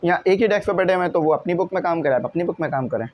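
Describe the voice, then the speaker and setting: A man teaches English, his voice sitting notably high for a man. He talks with patience and drills each new word slowly, again and again, as he walks through the exercises. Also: expressive, a little mellow, a little hiss or hum. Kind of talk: classroom lesson walkthrough.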